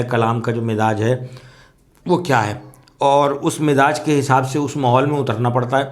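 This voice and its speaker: Measured male soz teacher explaining. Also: medium pitch. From Pakistan. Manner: explanatory, measured, with frequent fillers. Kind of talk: spoken lesson.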